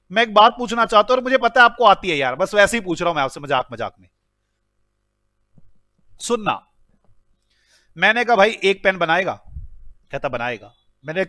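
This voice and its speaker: A high-pitched man lectures an exam-prep class in a lively, playful way. He teases and scolds his students and fires rhetorical questions at them. His voice is close and dry, with no room sound. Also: no room sound. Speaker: accounting exam teacher.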